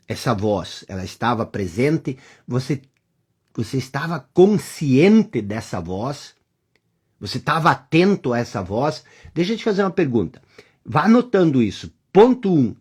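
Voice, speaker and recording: The course teacher has a Brazilian accent and a medium-pitched, slightly rough voice, presenting a reflective lesson directly to the listener. Repeated rhetorical questions run through it, with occasional moments spoken in a hush.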